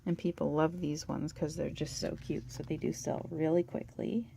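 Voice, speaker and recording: A woman hosting a toy-collecting channel, chatting and gushing through a catalog in a hoarse voice. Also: deep voice, level tone, normal speed, mellow, a little hiss or hum. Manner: chatty, gushing, with little laughs. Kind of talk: casual show-and-tell of a toy catalog.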